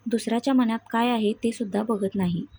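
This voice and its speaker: A woman voicing a tearful, sulking young wife in a read-aloud story, in a soft, husky voice. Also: fairly high pitch, fairly quick. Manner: soft, plaintive read dialogue.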